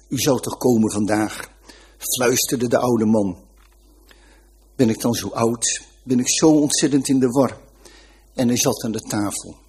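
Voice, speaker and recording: Husky earnest man reading a story. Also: medium pitch, darkish tone.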